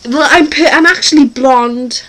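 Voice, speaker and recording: A woman's voice: high-pitched, measured pace, heavy background noise. A woman with a North Welsh accent chatting and giggling playfully while filming a casual video. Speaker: vlogger. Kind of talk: casual chat.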